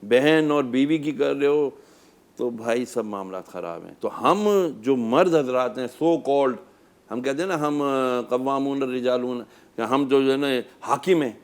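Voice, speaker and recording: Preaching man, a scholar on a talk show. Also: medium pitch. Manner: preacherly, rising to emphatic exhortation. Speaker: Islamic scholar guest. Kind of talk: religious talk-show discussion.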